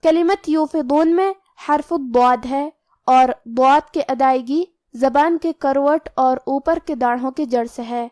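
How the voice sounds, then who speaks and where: High-voiced woman teaching Quran recitation. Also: a little mellow, dry recording, clean studio sound. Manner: methodical, explains each rule then recites the word slowly. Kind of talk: tajweed lesson, explaining letter rules.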